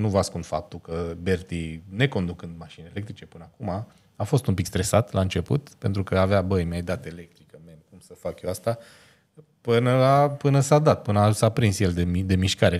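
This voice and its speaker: A man in his thirties, low in pitch, chats casually as a podcast host. He tells road-trip stories with a lively, joking energy into a studio boom mic. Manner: lively, storytelling, laughs often. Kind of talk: casual chat. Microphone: studio mic on boom arm.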